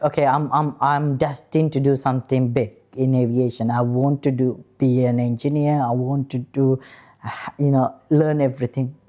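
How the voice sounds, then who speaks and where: Speaking directly to the viewer in a warm, mid-range voice, an aeronautical engineer from Sri Lanka shares a personal story. He is in his thirties and comes across as earnest and frank.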